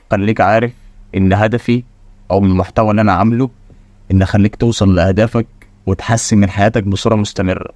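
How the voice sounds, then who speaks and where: Fast, blunt Egyptian motivational speaker. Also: male voice, lowish voice, a little mellow. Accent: Egyptian Arabic. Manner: blunt, preachy, fires rhetorical questions at the listener. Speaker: motivational channel host. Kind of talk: motivational talk to the viewer.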